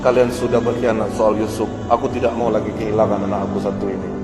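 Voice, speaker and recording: A man's voice: on the low side, level tone, quick pace, close to an everyday voice. A man voicing Prophet Yakub, a stern older father, in a retold sermon story. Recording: echoey hall with faint music.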